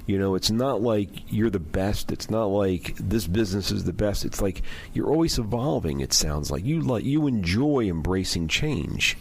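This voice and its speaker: Radio host, male, very low and animated delivery, probing, stumbles into his questions. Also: creaky, breathy edge. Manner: probing, with halting restarts. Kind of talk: radio interview.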